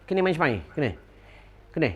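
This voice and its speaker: Malaysian religious teacher, middle-aged man, higher than usual pitch, animated lecture with audience asides. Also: fast, husky, highs cut off. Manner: animated storytelling with call-and-response fillers.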